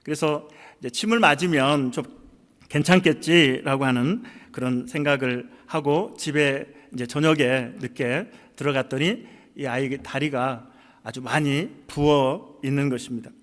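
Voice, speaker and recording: A man's voice: mid-range voice, a little slow, big-room sound. A middle-aged Korean man preaching a sermon as pastor, telling stories and acting out quoted dialogue with rising intensity. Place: church sanctuary.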